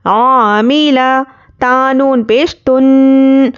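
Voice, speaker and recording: Slow, high-voiced woman teaching recitation. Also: steady tone, clear, resonant tone, muffled recording. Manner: spells out letters and vowel marks, then blends them slowly; explains quickly in a conversational teaching tone. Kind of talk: slow syllable-by-syllable spelling drill.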